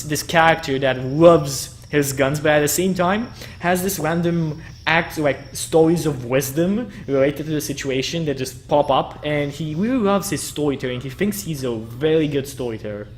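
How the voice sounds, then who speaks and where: A man's voice: a little high, a little hiss or hum. A man hosting a tabletop game stream, chatting casually with his players and joking and laughing as he talks. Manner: laughing, joking, quick asides. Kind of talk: casual chat among players.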